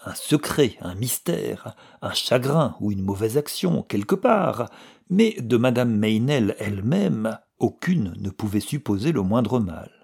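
Man, audiobook narration, low voice, husky, measured. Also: dark tone. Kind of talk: scripted narration.

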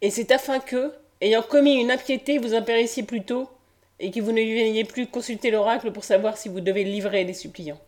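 A woman gives voice to a stern god speaking from his temple, reproachful and commanding. The reading stays near her own fairly high voice, in an audiobook style. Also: steady tone, fairly quick, darkish tone, close to an everyday voice.

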